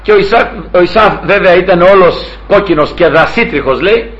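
A man in his sixties preaching a fervent sermon, retelling scripture and stories and calling out to his brothers. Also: sits high. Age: 60s. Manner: fervent, storytelling, often addressing brothers. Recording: dull lo-fi recording.

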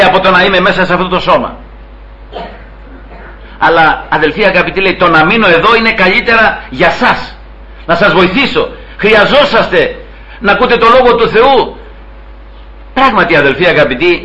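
High, bright-voiced man preaching a sermon. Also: low-quality recording. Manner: earnest, addresses congregation as brothers, voices quoted people with rising pitch.

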